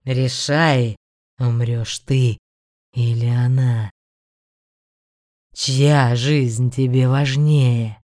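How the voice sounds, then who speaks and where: A huge ancient demon of greed, put on by a woman reading a storybook, gloating and mocking. He speaks in a very deep, slow growl that slips into hissed whispers. The voice is loud and heavy. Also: fairly even intonation, heavily acted. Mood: demanding. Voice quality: low menacing growl, sometimes hissed whispers.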